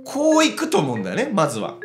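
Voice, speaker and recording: A man giving casual let's-play commentary, chatty and excitable, talking to himself as he plays. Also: fairly high pitch, quick pace. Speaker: game commentator. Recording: roomy echo with background music.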